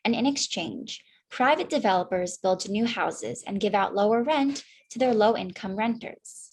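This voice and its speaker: A woman's voice: medium pitch, expressive, normal speed, a little mellow, slightly rough. A young woman playing a news anchor in a staged newscast, formal delivery.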